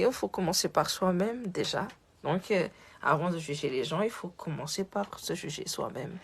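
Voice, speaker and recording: A woman talking casually on a live stream, switching between French and Malagasy, greeting viewers by name and often restarting her words. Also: mid-range voice. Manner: lots of restarts and repeated words. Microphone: phone on a social live stream.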